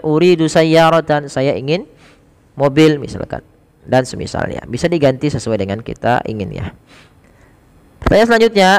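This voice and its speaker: A man giving a casual spoken language lesson, chatting loosely and repeating each example phrase slowly and clearly for learners. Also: mid-range voice, a little mellow, in a large hall. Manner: chatty, filler-heavy explanations. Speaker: Arabic teacher.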